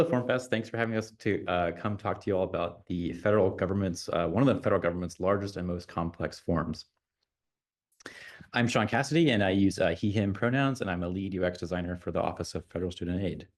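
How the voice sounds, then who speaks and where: A man's voice: low-pitched, fairly quick. A man giving a conference presentation as a designer, speaking in a chatty way with many fillers and restarts.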